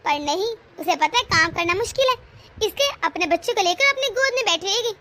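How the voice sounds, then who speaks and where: A lazy, scheming younger daughter-in-law, voiced by a woman in a cartoon family drama. She grumbles and complains in a very high, bright and sharp voice. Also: lively intonation, fairly quick, full character voice. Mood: grumbling.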